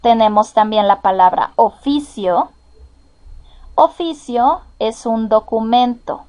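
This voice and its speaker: A woman with a Mexican accent giving a slow, careful lesson, patiently repeating each example sentence. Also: fairly high pitch, mellow. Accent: Mexican Spanish. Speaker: teacher. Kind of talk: slow, careful classroom explanation.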